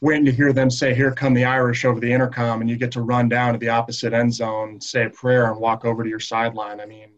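A man's voice: medium pitch, quick pace, hardly any pauses, lo-fi sound. A young man, a former walk-on player, casually telling stories and acting out what his coaches said. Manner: animated, acts out quotes of coaches. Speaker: podcast host, former walk-on football player. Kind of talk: casual storytelling chat.

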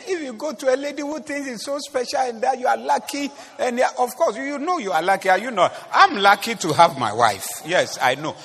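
A man preaching a sermon in church, animated and teasing, talking straight to the congregation. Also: very high-pitched. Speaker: pastor. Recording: long reverb of a church hall.

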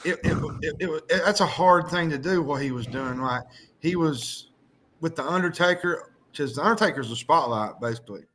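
Male podcast co-host, raised pitch, faint hiss, loose rambler. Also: moderate pace, pushed and bright. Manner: laughing, rambling storyteller. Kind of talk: casual banter.

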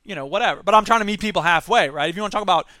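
High-voiced man ranting on politics. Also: rapid-fire, bright, forceful tone, no room sound, clean studio sound. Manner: exasperated, emphatic. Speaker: podcast host. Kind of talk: political commentary.

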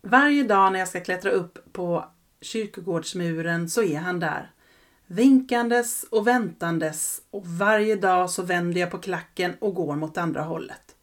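A woman narrating a first-person childhood story in a calm, reflective way. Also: on the low side.

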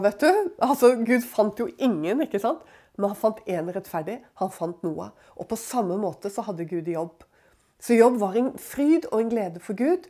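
A woman's voice: medium pitch, mellow. A woman giving a conversational Bible teaching, talking in a chatty way with many fillers and tag questions to her listeners.

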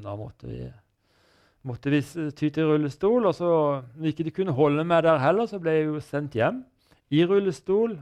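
A middle-aged man giving an earnest personal testimony in an interview, halting with many restarts. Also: on the high side, a little mellow. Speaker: guest telling his testimony.

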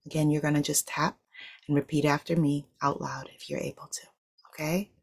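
A woman's voice: sits low, flat delivery, a little fast. A woman guiding a tapping meditation, calling out tapping points and leading spoken affirmations in a soothing manner. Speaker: tapping practitioner.

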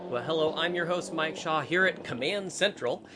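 On a very noisy recording, a man hosts a rally podcast, his voice a little high and his pace moderate. The chat is casual, upbeat and easygoing, and he laughs readily.

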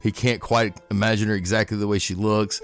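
A male tabletop game player with a low, gravelly voice, describing his character's moves. He talks haltingly, as if working things out aloud, with soft guitar music behind. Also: little pitch movement.

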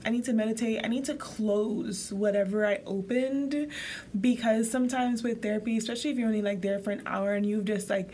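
A woman's voice: on the high side, steady tone, brisk, dark tone, a little hiss or hum. Reflective Haitian-born woman co-hosting a podcast. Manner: open and reflective, many fillers. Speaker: podcast co-host. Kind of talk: casual heartfelt chat.

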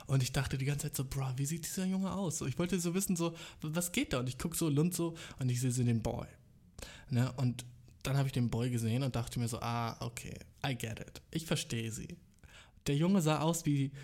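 A man's voice: mid-range voice, darkish tone. Young man, slangy, rambling, casual storytime, recorded alone indoors. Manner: slangy, rambling, full of fillers and English slang.

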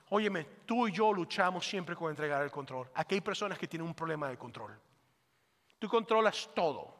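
A male pastor preaching a sermon, swinging between fervent loud calls and hushed, pleading lines. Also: high-pitched, long reverb tail. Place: church sanctuary.

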